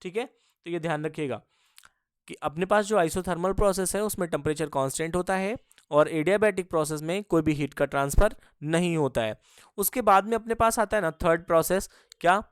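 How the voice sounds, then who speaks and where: Teacher going over terms, asks then answers, smooth clear voice, dry close sound. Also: mid-range voice, fairly quick, no room sound. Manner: asks a question and answers it, repeating key terms; addresses students as kids. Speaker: physics teacher. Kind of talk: classroom-style lecture.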